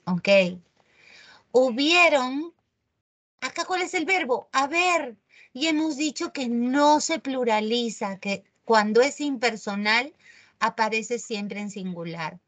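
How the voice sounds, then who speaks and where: A woman teaches a grammar lesson at an unhurried pace, her voice sitting a little high. She corrects errors firmly and keeps checking that the class follows. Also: a bit bright. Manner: corrective, asks the class rhetorical questions.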